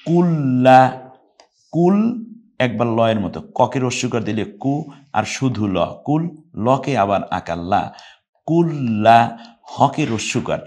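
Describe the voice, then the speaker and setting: A man teaching Quran recitation. He explains step by step in a plain speaking voice and chants each word slow, high and loud as a model. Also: expressive. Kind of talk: spoken tajweed lesson.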